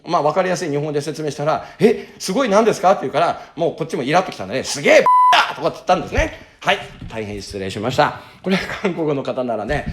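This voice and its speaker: Lively fast-talking man teaching. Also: a little high. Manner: chatty storytelling, acts out quotes. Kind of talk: casual lecture to camera. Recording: roomy echo.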